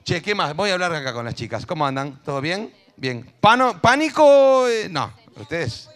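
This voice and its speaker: A man hosting a school event on stage, chatting and joking with teachers and kids, cheering one moment and dropping into low asides the next. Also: expressive, moderate pace, pushed and bright. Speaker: event host.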